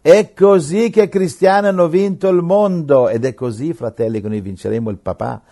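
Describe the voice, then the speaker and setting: A man preaching a sermon, emphatic, swinging between loud rhetorical questions and quiet asides. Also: a little high, normal speed.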